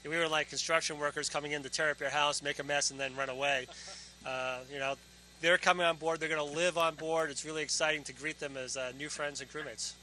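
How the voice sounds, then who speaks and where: A man talks casually as an astronaut being interviewed in orbit. His voice is slightly high and extremely bright, with a faint mechanical hum behind him. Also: steady tone, quick pace. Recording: noisy space station link with hum.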